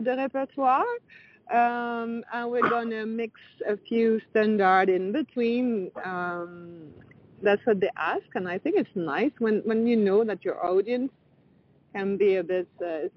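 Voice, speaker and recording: A woman's voice: a little high, dull audio. A young woman with a French accent, a jazz musician chatting in an interview and laughing often. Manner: laughs often, light and giggly. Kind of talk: casual interview chat.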